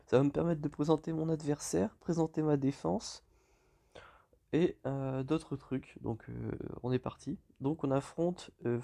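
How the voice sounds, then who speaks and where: With a mid-range voice marked by vocal fry, this French-accented man casually comments on his game for his YouTube channel. His delivery is relaxed but hesitant, full of self-corrections.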